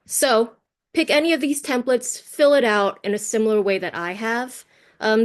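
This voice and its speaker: Speaking at a medium pitch, a workshop presenter from the United States, whose first language is Cantonese, teaches online over a video call. Her manner is conversational, and she often checks in with tag questions.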